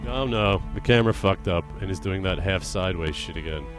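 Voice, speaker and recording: Low-pitched man running a tabletop game. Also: a little fast, soft background music. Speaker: game master. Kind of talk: casual tabletop game narration. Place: indoors at a game table on an online call.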